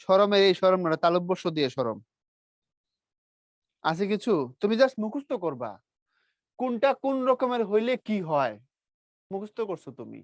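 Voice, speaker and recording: A man teaching a grammar lesson to a class in a lively, teasing way, quizzing his students. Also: high voice, moderate pace, long pauses, no room sound, clean studio sound.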